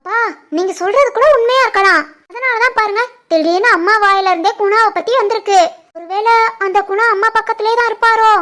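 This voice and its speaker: Woman as a playful young daughter-in-law, very high voice, teasing, animated family story. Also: brisk. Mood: musing. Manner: lightly teasing.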